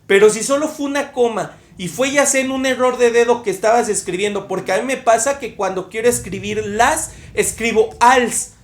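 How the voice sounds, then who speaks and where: A woman's voice: fairly high pitch, normal speed. A young woman, a podcast co-host in casual conversation who argues her point at length and laughs at herself. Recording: echoey room.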